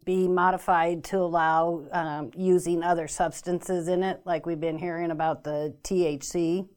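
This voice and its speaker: A woman's voice: fairly low pitch, little pitch movement, normal speed, darkish tone. A woman explaining as a guest expert in a talk interview, careful and full of ums and restarts. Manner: hesitant, many ums and restarts. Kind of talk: informational talk show interview.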